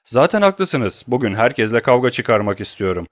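A man's voice: mid-range voice, very animated, moderate pace, no echo, studio quality, close to an everyday voice. A man reading an audiobook who voices a cold, grimly furious young nobleman, talking in clipped, menacing tones.

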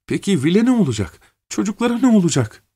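A man's voice: mid-range voice, animated, a little fast, a little mellow, dry recording, pitched above the performer's own voice, lightly acted. A man voicing a worried, pleading mother in a read-aloud story. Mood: distressed. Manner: pleading, distressed. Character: worried working-class mother, middle-aged woman.

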